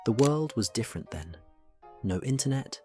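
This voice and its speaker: A man's voice: medium pitch, animated, moderate pace, a little mellow. A man narrating a documentary in a dramatic, scripted style. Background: music.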